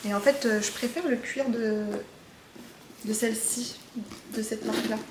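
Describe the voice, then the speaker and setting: Woman, casual vlogger, a bit high-pitched, chatty and hesitant, roomy echo on the recording. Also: fairly even intonation, normal speed, background noise. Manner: chatty, hesitant with frequent fillers. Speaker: knitting vlogger. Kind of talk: casual show-and-tell chat.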